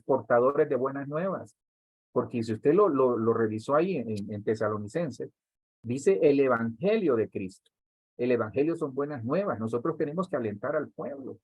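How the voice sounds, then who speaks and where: Husky-voiced Honduran pastor teaching church workers. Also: male voice, mid-range voice, dry recording, rough recording. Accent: Honduran Spanish. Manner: addresses listeners directly, repeats words, builds emphasis.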